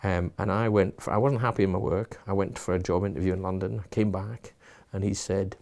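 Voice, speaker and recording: Thoughtful advice comes from a middle-aged college leader in a casual, reflective interview, with lots of restarts and repeated words. His low, steady voice runs a little fast and is gravelly and a little mellow.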